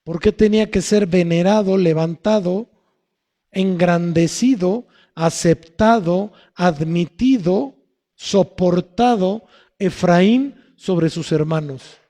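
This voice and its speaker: A male pastor preaching a sermon slowly and emphatically, asking rhetorical questions and answering them. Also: high voice, warm tone. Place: church hall. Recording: long hall reverb.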